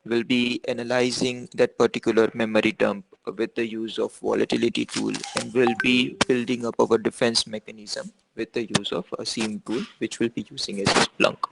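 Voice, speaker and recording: A man's voice: mid-range voice, little pitch movement, moderate pace, gravelly, hardly any pauses, noisy background. A man teaching an online class over a video call, answering questions with many fillers and restarts. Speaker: instructor.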